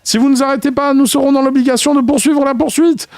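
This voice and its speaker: A man's voice: very high voice, fairly even intonation, fast talker, a little mellow, no room sound, studio quality, voice pushed up. A man voicing a pompous male police officer who makes stiff, formal announcements through a megaphone. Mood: officious.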